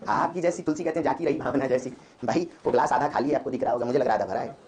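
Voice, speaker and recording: कक्षा में हिंदी साहित्य पढ़ाता एक पुरुष शिक्षक, जो बार-बार छात्रों से सवाल पूछता है।. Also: male voice, medium pitch, slight background noise. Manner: lively, quizzes students with quick questions. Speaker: Hindi literature teacher. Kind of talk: classroom lecture. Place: classroom.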